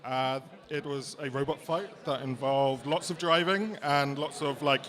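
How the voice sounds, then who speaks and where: A man's voice: mid-range voice, steady tone, a little slow, fairly bright tone. A British man, a competitor, giving brief, laconic interview answers.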